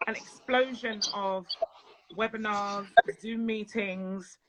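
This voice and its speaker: A woman, a financial and business coach, talking as a guest on a live phone video chat in a measured, earnest way. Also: mid-range voice, fairly even intonation, crowd noise, rough recording. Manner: measured, earnest, speaks deliberately slower.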